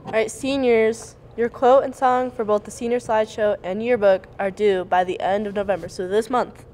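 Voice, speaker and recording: A teenage girl co-hosts the school morning announcements, reading notices steadily. She is mid-pitched, cheerful and quick to giggle. A faint background hum runs under her voice. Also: fairly even intonation, a little mellow. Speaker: student co-announcer.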